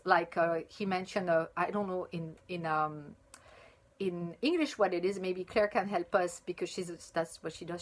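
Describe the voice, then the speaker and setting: Reviewing chocolate on video, a Frenchwoman chats casually in her French accent, her native language being French. Her voice sits on the low side, and she thinks aloud with frequent fillers and sudden excited exclamations.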